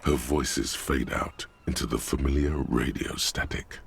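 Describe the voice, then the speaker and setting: An actor narrating a video game in the second person, measured and ominous. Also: male voice, rumbling low, huge pitch swings, vocal fry, very noisy, full character voice. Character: gravelly omniscient male game narrator.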